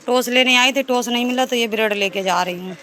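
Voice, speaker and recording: A woman's voice: a little high, a little fast, noisy background. A woman filming a casual family vlog at home on her phone, chatting to viewers while looking after her children. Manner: chatty, addresses viewers as guys while tending to kids. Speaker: vlogger and mother. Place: home, indoors.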